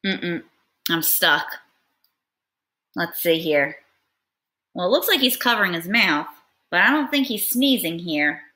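Bright-voiced woman teacher reading aloud. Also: lowish voice, animated, unhurried, long pauses. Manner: patient, explains step by step, sounds words out. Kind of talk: read-aloud reading lesson.

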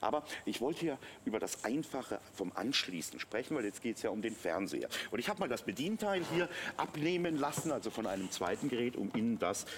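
A middle-aged man demonstrates a product live on a shopping channel, chatty, enthusiastic, and unscripted, repeating points for emphasis in the TV studio. His mid-range voice swings widely in pitch and runs a little fast. A little hiss or hum is audible.

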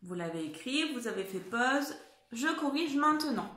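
A woman's voice: high voice, animated, normal speed, fairly bright tone, roomy sound, slight background noise. A woman teacher giving a dictation lesson to young children, patiently spelling out words letter by letter. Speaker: primary school teacher.

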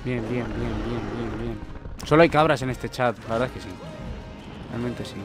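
A young man from Spain streams a speedrun, chattering nervously to his chat, swearing freely and breaking into frantic yelling when the pressure peaks. His voice sits at an ordinary middle pitch, and clear game music plays underneath. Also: normal speed. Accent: Spain Spanish. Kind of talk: live speedrun commentary.

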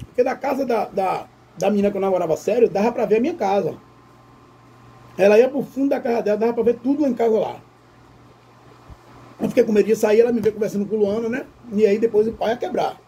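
A man who tells a story to his viewers while eating, in an animated way and often calling out to them. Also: high-pitched, slightly rough. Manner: animated, addresses viewers as "gente". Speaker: vlogger. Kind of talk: casual storytelling during a mukbang.

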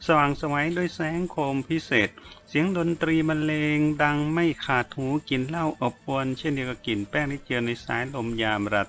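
A man narrating a novel in a steady, measured storytelling voice. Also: fairly high pitch. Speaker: audiobook narrator. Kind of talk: novel reading.

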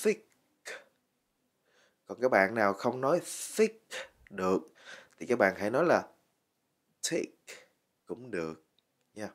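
A man teaching a language lesson, slowly and patiently drilling words with many repetitions. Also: on the low side, very animated. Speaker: English teacher.

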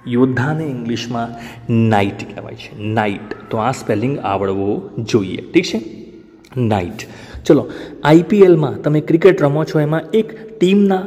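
A man teaching an English lesson to beginners, spelling words out slowly letter by letter and often asking his learners how to say them. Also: medium pitch, animated, warm tone, in a large hall. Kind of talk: spoken language lesson.

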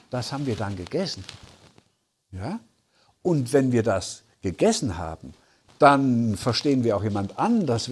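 A man's voice: medium pitch, darkish tone, breathy edge. A man preaching a sermon as a Bible teacher, earnest and explanatory, often checking in with his listeners. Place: conference hall.

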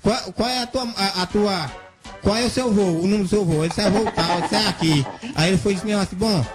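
Man, Paraíba accent, high-pitched, rapid comic storytelling, music under the voice. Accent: Paraíba Northeastern Brazilian. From Paraíba, Brazil. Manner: animated storyteller acting out dialogue. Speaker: comedian guest. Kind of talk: comic storytelling on a TV morning show.

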